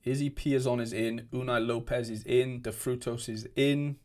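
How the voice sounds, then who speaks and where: Sitting at a desk at home, a young streamer from Wales rambles casually through viewer comments, frequently restarting his sentences. He speaks at a moderate pace in a medium-pitched, steady, slightly mellow voice.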